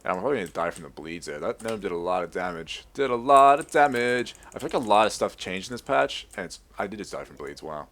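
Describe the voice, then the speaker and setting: A young Australian gaming YouTuber with an American accent and a low, fairly bright voice comments over gameplay at his computer amid keyboard clicks. His pitch swings widely as he rambles, restarts sentences and swears casually.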